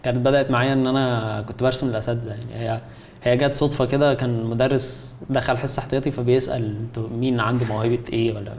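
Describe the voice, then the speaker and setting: This concept artist, a guest in his twenties with an Egyptian accent, talks casually in a rapid-fire, medium-pitched voice. His tone is level and darkish, with a little hiss or hum in the recording. He often hesitates, restarting and using lots of fillers.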